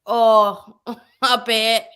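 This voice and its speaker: Chatty bright-voiced woman. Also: on the high side, level tone, very slow, smooth. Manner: chatty, rambling, self-correcting. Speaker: guest. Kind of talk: casual livestream chat.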